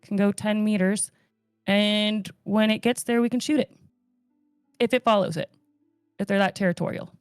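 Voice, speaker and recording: A woman's voice: mid-range voice, steady tone, normal speed, long pauses, clean tone, no echo, clean studio sound, soft background music. A woman playing in an online tabletop game, asking questions and laying out tactics in casual chat. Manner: asks questions and plans tactics.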